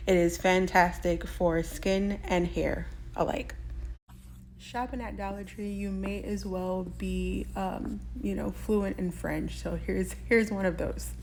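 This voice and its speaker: A woman's voice: mid-range voice, fairly even intonation, slow, darkish tone, a little hiss or hum. A woman hosting a shopping channel who explains how to say tricky words in a chatty way, laughing lightly now and then. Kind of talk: casual explanatory lesson.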